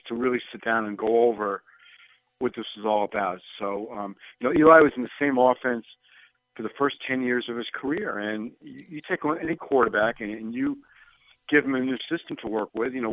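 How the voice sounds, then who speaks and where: A man's voice: mid-range voice, no echo. Man talking over a tinny phone line. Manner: loose, hedging, full of "you know" and "um". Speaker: sportswriter guest. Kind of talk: casual call-in chat.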